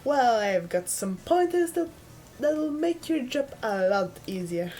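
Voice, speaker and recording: A woman's voice: a little high, sing-song, takes it slowly, warm tone. A woman voicing a grand old-time female TV cooking host, in a theatrical 1950s broadcast announcer delivery as she reads the show's lines aloud. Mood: grandiose. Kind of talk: reading in-game TV lines aloud.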